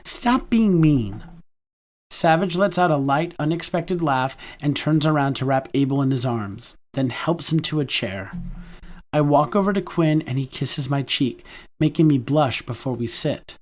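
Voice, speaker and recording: A man narrating a first-person romance audiobook in a warm, conversational manner. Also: on the high side, moderate pace.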